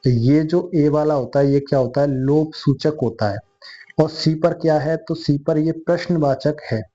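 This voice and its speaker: A man's voice: a little high, normal speed, mellow, lo-fi sound. A man teaching an online quiz lesson, addressing viewers as friends and repeating each answer.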